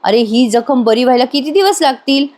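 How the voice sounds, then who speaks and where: A woman's voice: high-pitched, a little fast, darkish tone, close to an everyday voice. A woman voicing a caring, practical middle-aged mother. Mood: motherly.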